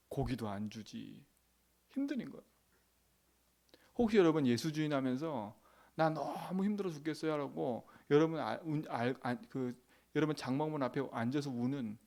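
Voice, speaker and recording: Male pastor, middle-aged, fairly high gravelly voice, casual emphatic sermon delivery that keeps asking the room to agree. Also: darkish tone. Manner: emphatic, colloquial preaching with frequent repeated phrases; asks the congregation for agreement. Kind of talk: dawn prayer sermon.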